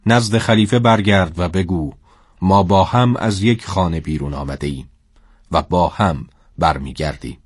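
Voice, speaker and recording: A man voicing a calm, dignified religious leader in an audio storybook, speaking in a quiet, measured way. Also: sits low, slightly rough, dry recording, clean studio sound, pitched below the performer's own voice.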